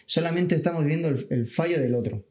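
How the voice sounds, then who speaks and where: A man's voice: fairly high pitch, brisk, darkish tone, echoey room. A man, a civil guard officer talking earnestly in a casual podcast, backing his points with everyday examples.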